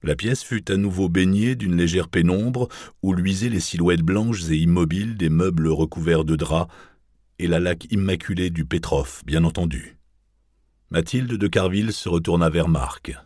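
A man narrating a novel in a measured, even audiobook reading. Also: low voice, no echo, clean studio sound.

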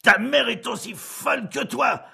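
A man reading an audiobook, voicing an irritable, quick-tempered young husband who shouts in exasperation. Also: very high-pitched, gravelly, breathy edge, voice pushed up, full character voice. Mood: furious. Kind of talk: audiobook character voice.

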